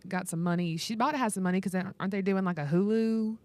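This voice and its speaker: A woman's voice: medium pitch, fast, darkish tone, no echo. A woman co-hosting a podcast, talking in a casual, conversational way. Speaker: podcast co-host. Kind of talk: casual chat.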